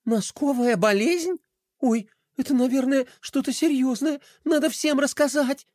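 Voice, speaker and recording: Male narrator as a jittery little princess, high and quick. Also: a little mellow, no room sound, clean studio sound. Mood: anxious. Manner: breathless rapid chatter. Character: small excitable princess, girl, flustered.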